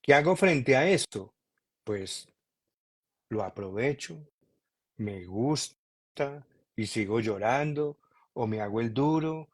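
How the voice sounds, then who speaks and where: A man talking calmly and earnestly as a podcast guest, searching for words as he goes. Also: medium pitch, takes it slowly, long pauses. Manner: calm, earnest, repeats himself while searching for words. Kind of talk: reflective conversation.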